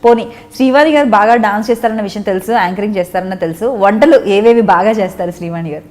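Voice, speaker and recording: A woman's voice: mid-range voice, fast, a little mellow. A woman hosting an interview, coaxing and teasing her guest with frequent laughs. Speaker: interview host. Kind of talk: casual interview chat.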